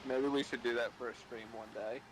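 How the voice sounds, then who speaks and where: A man's voice: mid-range voice, fairly even intonation, a little fast, noisy background. A man joking and teasing in casual banter over a voice call. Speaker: co-host on a voice call.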